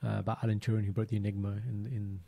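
A man's voice: fairly low pitch, racing, creaky, very noisy. A man, co-hosting a casual podcast from home, telling stories with playful energy and joking asides. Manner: animated, jokey storytelling with playful put-on accents. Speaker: podcast co-host. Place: home room, indoors. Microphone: desk mic on boom arm.

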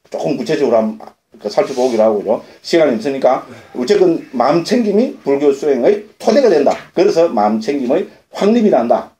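A man's voice: mid-range voice, dark tone. A man, a Korean Buddhist monk, giving a dharma lecture, often asking and answering his own questions and checking agreement with short tag questions. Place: lecture hall at a Buddhist center. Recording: roomy lecture-hall audio recording.

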